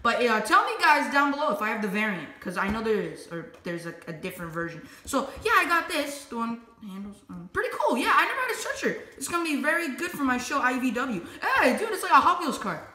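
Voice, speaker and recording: A woman unboxing toy figures, chatty and excitable, often bursting into yells and squeals. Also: on the high side, brisk, hardly any pauses. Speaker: toy collector vlogger. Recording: roomy echo, faint background noise.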